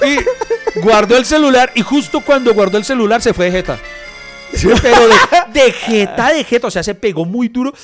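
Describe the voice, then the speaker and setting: A young man, co-hosting a podcast in casual chat, telling lively anecdotes and laughing often. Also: very high voice, a little fast, over music. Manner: animated storytelling, laughs often, mock voices. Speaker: podcast co-host.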